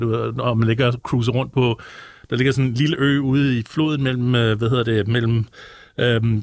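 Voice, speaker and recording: A man from Detroit talks as a music panelist in a casual storytelling style. He rambles and leans on filler phrases, in a medium-pitched voice with a dry, close sound. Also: no room sound. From born in Detroit.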